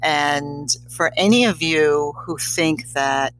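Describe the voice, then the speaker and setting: An older woman with a hoarse, strained voice, talking conversationally as an interview guest. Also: deep voice, slow pace, faint music behind, low-quality recording. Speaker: podcast guest, college teacher.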